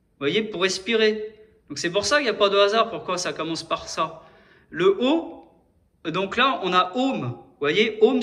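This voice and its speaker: A man's voice: sits high, fairly bright tone. A man hosting his own video, explaining letters and numbers in a hesitant, rambling way, often stopping to correct himself and asking the viewers if they follow. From France. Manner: hesitant, restarts often, addresses viewers directly.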